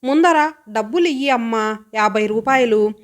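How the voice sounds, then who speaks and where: A woman's voice: fairly high pitch, natural voice. A woman voicing a headstrong, teasing college girl who answers back boldly. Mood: defiant. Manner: bold, mocking, quick retorts.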